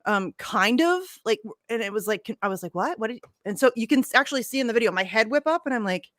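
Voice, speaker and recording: Animated, cheerful young woman who swears freely. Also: fairly high pitch, fast, dry recording, clean studio sound. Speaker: podcast co-host. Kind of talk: casual chat.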